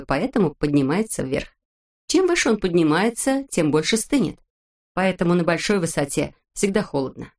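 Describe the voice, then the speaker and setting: A woman narrating a children's storybook in a fairly low, clear voice. Her reading is expressive and unhurried.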